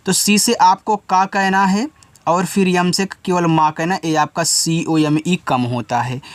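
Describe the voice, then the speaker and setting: A man giving an English lesson step by step, patiently repeating each word and its meaning and spelling letters out slowly. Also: high-pitched, no echo. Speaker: English teacher.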